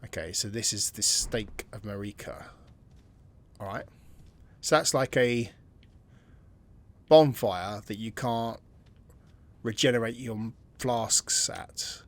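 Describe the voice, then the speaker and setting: A man with a lowish voice gives casual let's-play commentary, speaking slowly and pausing often. He muses and thinks aloud, at times dropping almost to a whisper.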